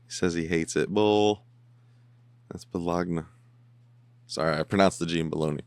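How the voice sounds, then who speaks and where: Man, very low voice, gravelly fry, dry close sound, casual excitable reaction chat. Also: moderate pace, no echo. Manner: chatty and excitable, swears casually. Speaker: podcast host reacting to an episode. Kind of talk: casual watch-along reaction commentary.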